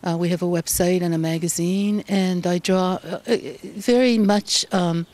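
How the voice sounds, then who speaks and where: A woman from Canada speaks as an interviewed journalist, her voice mellow and a little low. She answers in a measured, thoughtful way, pausing often to find her words. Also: fairly even intonation. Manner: measured, thoughtful, frequent ums.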